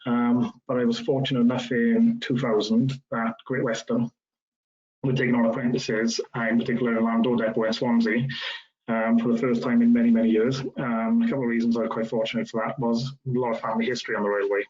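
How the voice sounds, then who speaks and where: A relaxed, conversational man in his late thirties from South Wales, a railway professional, gives a casual careers talk about his working life, often filling pauses with ums. His mid-range voice stays fairly level in tone. The audio is dull and lo-fi, like a video call.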